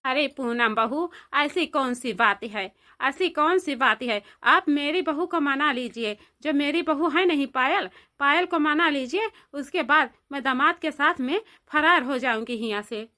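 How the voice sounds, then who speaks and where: Brief: woman playing a pleading Awadhi village mother for a cartoon, high and bright. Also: unhurried, hardly any pauses. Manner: pleading, rustic dialect. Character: lovesick older village mother chasing her son-in-law. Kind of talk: cartoon voice acting.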